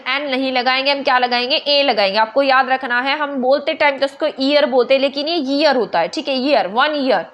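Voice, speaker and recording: A woman teacher with a Hindi accent explaining grammar step by step, asking and answering her own questions and spelling letters out slowly. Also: sits high, a bit bright. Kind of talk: online grammar lesson.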